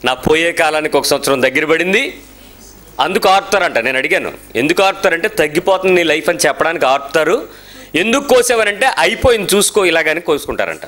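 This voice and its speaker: A man preaching a lively sermon in church, firing rhetorical questions at his listeners and slipping English phrases into his speech. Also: a little high, fast talker. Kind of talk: sermon to a congregation.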